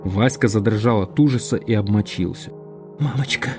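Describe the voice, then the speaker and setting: A man narrating an audiobook in steady, measured scripted storytelling. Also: on the low side, soft background music.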